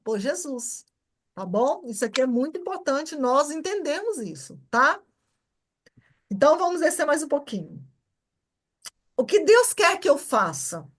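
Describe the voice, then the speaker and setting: A woman with a Brazilian Portuguese accent teaching an informal Bible class at church. She repeats her points and keeps checking that the class understands. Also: sits high. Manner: repetitive, keeps checking understanding with short tags.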